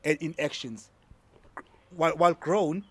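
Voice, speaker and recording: A middle-aged panelist from South Africa's Eastern Cape, a native Xhosa speaker, argues his point emphatically in a casual debate, repeating his key lines. His voice is a little high and fairly bright with a breathy edge, and he speaks unhurriedly. The recording is dry.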